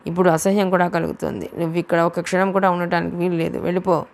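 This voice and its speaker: A woman's voice: on the low side, little pitch movement, quick pace, gravelly. A woman voicing an angry young man in a storybook. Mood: stern. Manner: harsh, scolding. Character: young man, stern and quick to anger.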